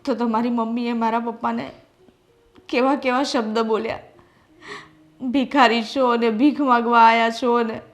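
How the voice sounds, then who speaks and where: A woman's voice: a little high, steady tone, measured pace, long pauses, natural voice. A woman playing a tearful young bride. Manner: tearful, pleading, defensive. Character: young bride from a poor family, hurt and pleading. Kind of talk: family drama acting.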